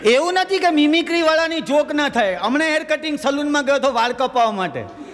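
High-voiced comedian in a reverberant hall. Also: male voice, expressive, fairly bright tone. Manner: storytelling with quick character voices and dialogue. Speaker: stand-up comedian. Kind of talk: stand-up joke telling in a stage show.

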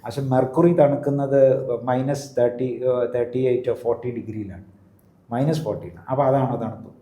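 A man's voice: mid-range voice, brisk, dark tone. A priest explaining his views in an interview, in a teacherly way, often checking with the listener. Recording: roomy echo.

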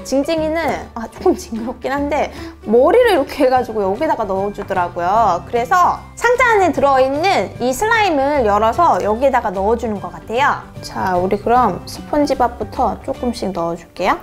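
A young woman with a high, bouncy voice hosts a toy unboxing for children. She calls herself by name, talks to the viewers as her friends, and sings out playful cries at every reveal. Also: very animated, normal speed, few pauses, soft background music. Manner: sing-song reveal cries.

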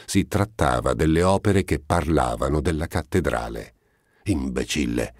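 Man, audiobook narrator, very deep voice, husky, dry close sound, measured reading. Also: lively intonation, no room sound.

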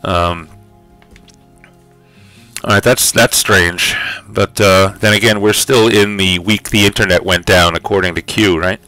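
A man with a low voice that has a bright, forceful edge chats casually on a livestream, full of fillers as he checks his audio with viewers. Faint music plays behind him. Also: fairly even intonation, unhurried, no echo. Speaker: livestream host running a writing sprint.

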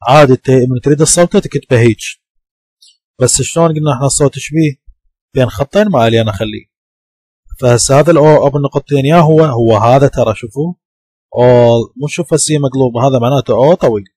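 A man with an Iraqi Arabic accent explains English vowel sounds slowly and patiently, saying each sound again and again. His voice sits at a middle pitch. It is recorded close to the mic in a dry room with no echo. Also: darkish tone, husky. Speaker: English teacher. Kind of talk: classroom lecture.

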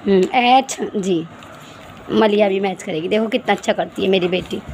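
A woman's voice: medium pitch, normal speed, darkish tone, a little hiss or hum. A young mother in a casual family vlog, talking to viewers while scolding and cooing at her small children. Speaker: vlogger mother.

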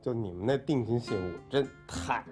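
A man's voice: mid-range voice, moderate pace, close to an everyday voice. An actor playing a drunken divorced young man who rambles, slurs and teases in a TV drama. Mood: drunk teasing. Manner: slurred, rambling and teasing. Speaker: drunken ex-groom. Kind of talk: TV drama acting. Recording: echoey room with background music.

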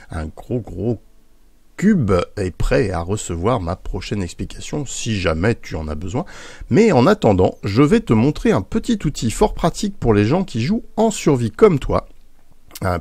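A man voicing a helpful male scientist character in a lab, speaking slowly and hesitantly to a player in a game video. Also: fairly low pitch, darkish tone, no echo.

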